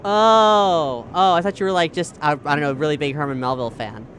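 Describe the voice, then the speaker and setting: With music in the background and slight noise, a woman whose voice sits low talks a little fast. She's a player in a tabletop role-playing session, casual and dry in her improvised chat, with some swearing.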